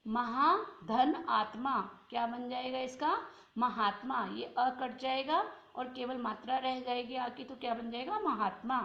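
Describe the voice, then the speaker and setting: Woman teacher, high pitch with a gravelly edge; patient, self-answering explainer, slow drawn-out recitation. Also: echoey room. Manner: patient, asks and answers her own questions, drawn-out recitation. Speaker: Sanskrit teacher. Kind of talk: classroom lesson explaining exercises.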